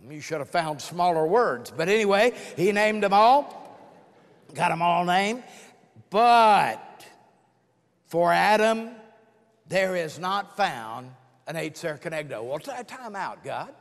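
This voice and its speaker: A man's voice: high voice, expressive, takes it slowly, pauses often. An older man preaching a sermon with folksy humor, telling stories and joking with his audience. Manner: folksy storytelling with jokes and playful asides. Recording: long hall reverb.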